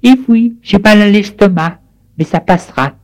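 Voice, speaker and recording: A man's voice: high voice, moderate pace, voice pushed up. A man voicing a hungry, sly wolf who fakes a grandmother's voice and later begs for mercy. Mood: coaxing. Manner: sly, coaxing.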